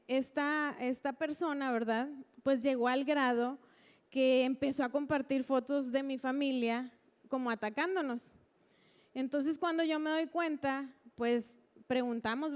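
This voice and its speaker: A woman's voice: high-pitched, fairly even intonation, unhurried, clear, resonant tone. A woman giving a personal testimony to a church congregation, chatty and full of fillers. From Mexico. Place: church service.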